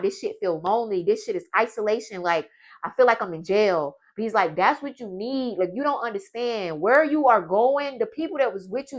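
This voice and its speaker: Young woman ranting a pep talk at the camera, swears a lot, bit high voice. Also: a bit bright. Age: 20s. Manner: blunt, profane, preachy pep talk. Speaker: vlogger. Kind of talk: motivational vlog talk.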